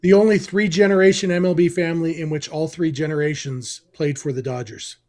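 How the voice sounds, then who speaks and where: A man's voice: on the high side, steady tone, a little fast, darkish tone. A man co-hosting a sports podcast, playful and fond of trivia. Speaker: podcast co-host. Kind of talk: casual chat.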